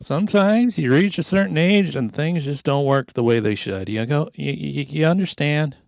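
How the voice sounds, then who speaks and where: A man's voice: fairly high pitch, normal speed, vocal fry, darkish tone, no room sound. Rambling mock-sentimental man hosting a comedy podcast. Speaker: podcast host. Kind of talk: improv comedy podcast banter.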